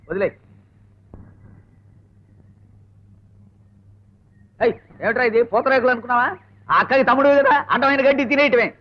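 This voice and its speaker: A sarcastic, grumbling husband. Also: male voice, high-pitched. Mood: bossy. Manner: grumbling sarcastic asides, barked commands. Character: sarcastic henpecked husband and college lecturer. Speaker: comic film actor. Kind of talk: 1970s Telugu film comedy. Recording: dull lo-fi film soundtrack.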